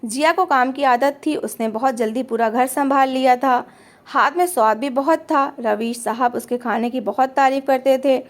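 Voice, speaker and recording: A woman reading a family drama aloud as a storyteller, in steady scripted narration. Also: sits high, normal speed.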